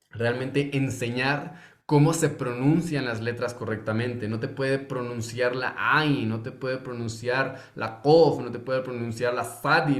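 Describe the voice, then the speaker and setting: A man gives an informal lecture, his voice sitting at an ordinary middle pitch. He talks in a loose, conversational way, often stopping and restarting his sentences. The room around him is echoey. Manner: conversational, many fillers and restarts. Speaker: Hebrew course teacher.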